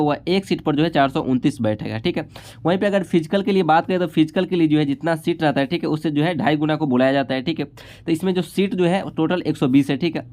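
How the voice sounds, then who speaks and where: Explaining exam cut-off figures and statistics in an informal way, this exam-prep instructor has a fairly high voice with a darkish tone. He tacks a brief confirming tag onto almost every phrase, over and over.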